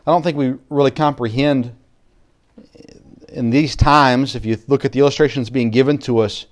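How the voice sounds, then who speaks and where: Earnest preaching pastor, mid-pitched man. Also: fairly even intonation, normal speed. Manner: earnest preaching with frequent restarts, shifting between loud emphasis and quiet asides. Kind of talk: sermon.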